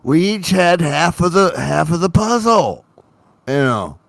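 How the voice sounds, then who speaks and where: A man chatting on a livestream in an animated, jokey way, full of fillers. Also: fairly high pitch, measured pace, vocal fry, no echo. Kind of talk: casual chat on a livestream.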